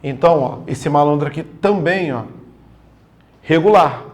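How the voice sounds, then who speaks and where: A man's voice: fairly high pitch, unhurried. A man teaching a grammar lesson for exam prep in a casual, slangy way, often checking in with his students.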